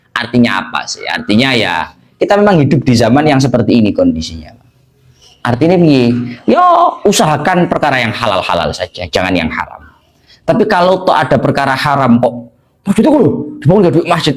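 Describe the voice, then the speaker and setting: Male preacher, conversational lesson style, high and very animated delivery. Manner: conversational preaching, mixing Javanese and Indonesian, frequent "hah?" checks. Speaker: religious teacher. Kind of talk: religious lesson to a congregation.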